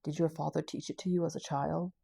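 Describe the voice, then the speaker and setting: A woman voicing a kindly, proud older man in her audiobook, speaking with warm approval. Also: low-pitched, level tone, fast, gravelly, husky, dry recording, full character voice.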